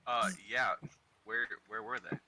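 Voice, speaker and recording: A man's voice: medium pitch, little pitch movement, measured pace, a loud crowd, poor audio. A man playing a tabletop game, asking questions and throwing in joking asides. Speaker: player. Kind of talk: casual tabletop game chat.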